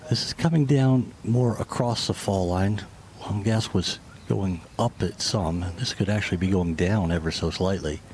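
Deep-voiced male golf commentator, instructive. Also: moderate pace, hardly any pauses, a crowd in the background. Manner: instructive, reads slopes and shots. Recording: noisy outdoor broadcast ambience.

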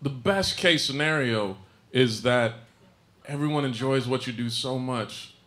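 A man's voice: mid-range voice, measured pace. A man doing a stand-up set on a comedy club stage, bantering with the crowd in a dry, sarcastic way. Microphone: stage microphone. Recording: live album, loud crowd noise. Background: audience laughter.

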